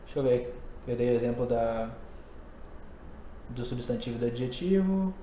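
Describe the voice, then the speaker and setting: A man's voice: mid-range voice, lively intonation, normal speed, dark tone, a little hiss or hum. Man, podcast host, teacher, casual explanations, frequent question tags, echoey room. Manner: conversational, thinks aloud with frequent "né?" tags. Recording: roomy echo.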